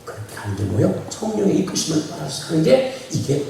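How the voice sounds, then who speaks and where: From a distant mic in a very echoey church sanctuary, a male pastor delivers a folksy sermon in a high, very animated voice that's a little fast and creaky. He swings from quiet asides to shouted peaks, laughing often and keeping things chatty. Slight background noise is audible.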